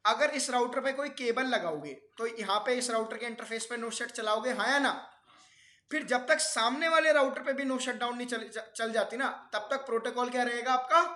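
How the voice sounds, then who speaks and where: A man's voice: extremely high pitch, pushed and bright, roomy sound. A man teaching a networking class, explaining step by step and often quizzing his students with questions. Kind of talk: classroom lecture.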